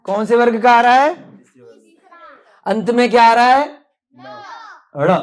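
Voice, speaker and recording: Slow-speaking woman teacher drilling a class. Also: mid-range voice, a little mellow. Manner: drills words, asks pupils questions.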